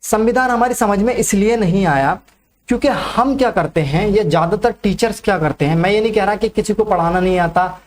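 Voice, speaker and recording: A man's voice: sits high, fairly quick, slight background noise. A male teacher giving an exam-prep lecture, who keeps asking questions and then answering them himself, repeating the key facts and often adding "ठीक है".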